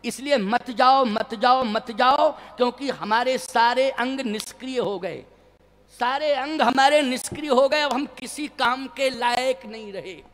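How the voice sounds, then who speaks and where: A man's voice: very high voice, unhurried, a bit bright, in a large hall. A man doing a panicked, shaken king. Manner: panicked pleading. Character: frightened boastful male king, shaken.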